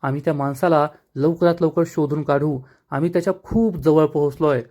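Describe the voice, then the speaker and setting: A man's voice: fairly high pitch, fairly even intonation, a little fast, a little mellow, lightly acted. A man voicing a meek, deferential male police inspector who apologizes to an angry powerful man.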